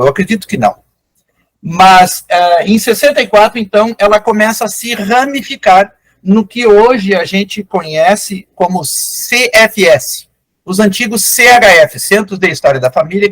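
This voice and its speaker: Older guy giving an online talk, fairly high voice for a man, eager and chatty, video call. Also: rough recording. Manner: enthusiastic, conversational explaining. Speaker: guest lecturer, genealogist. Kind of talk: online lecture presentation.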